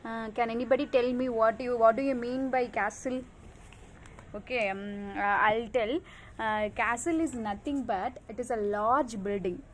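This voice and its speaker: A woman's voice: on the high side, fairly even intonation, measured pace, slight background noise. A woman teacher giving a recorded class, repeating each point with many "okay" and "uh" fillers. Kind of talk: online class lecture.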